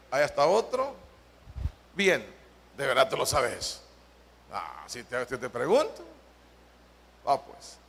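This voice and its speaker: Male pastor, high gravelly voice, leads Bible study, hall reverb. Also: fairly bright tone. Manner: questions the congregation directly. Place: church hall.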